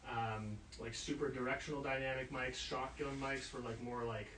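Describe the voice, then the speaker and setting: A man's voice: mid-range voice, steady tone, moderate pace, a bit bright, slight background noise. A man showing people around a recording studio, explaining in a loose, rambling way full of filler words. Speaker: studio engineer giving a tour. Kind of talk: casual walkthrough explanation. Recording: roomy sound, mic at a distance.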